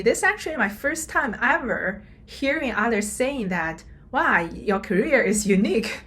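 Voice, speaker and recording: Woman chatting to her viewers, casual storytelling, kinda halting, feels around for the right words. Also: medium pitch, a bit bright. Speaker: vlogger; software engineer. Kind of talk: casual personal storytelling to camera.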